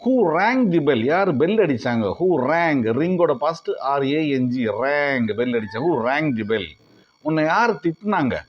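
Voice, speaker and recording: A man teaching English, repeating each sentence slowly and spelling words out letter by letter. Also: a little high. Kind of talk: language lesson. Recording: dull lo-fi audio.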